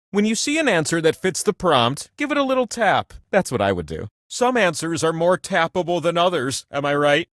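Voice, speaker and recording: A high-pitched, boastful giant talking game-show wheel. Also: male voice, fairly bright tone, no echo, studio quality. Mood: showy, playful. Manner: grandiose, teasing, folksy showmanship. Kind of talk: theatrical video game host narration.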